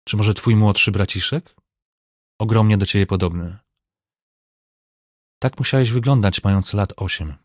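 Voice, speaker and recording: A man voicing a young nun who speaks in a soft, intimate tone. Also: lowish voice, normal speed, pauses often, breathy edge, no room sound, clean studio sound. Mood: tender.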